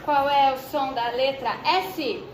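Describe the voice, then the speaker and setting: A woman teaches children how letters sound, repeating each sound slowly several times. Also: high voice. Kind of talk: phonics lesson for children. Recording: echoey room with background noise.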